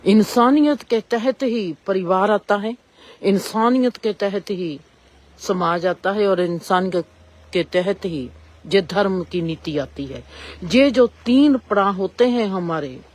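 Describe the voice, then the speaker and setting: A woman's voice: mid-range voice, slow pace. A woman gives a reflective spiritual discourse and asks rising rhetorical questions. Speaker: spiritual speaker.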